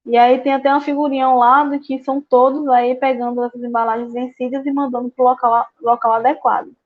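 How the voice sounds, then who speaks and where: A woman giving a slide presentation at a public event, with many filler words and halting restarts. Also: sits high, little pitch movement. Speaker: guest speaker on waste management. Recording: dull lo-fi sound.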